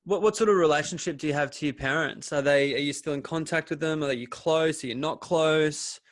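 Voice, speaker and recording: A man's voice: on the high side, fairly quick. A man hosting a casual interview, easygoing and encouraging, phrasing questions hesitantly with fillers. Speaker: podcast host.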